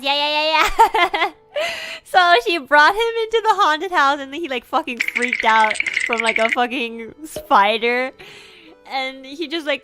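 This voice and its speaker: A woman's voice: fairly high pitch, pushed and bright, clean tone. A woman streamer chatting casually, rambling with lots of fillers, giggling and swearing offhandedly.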